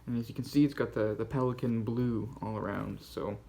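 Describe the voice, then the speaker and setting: A man with a Canadian accent hosting a casual book-haul vlog, talking in a halting, rambling way as he goes. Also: fairly low pitch, fairly even intonation, creaky, mellow. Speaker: book channel host.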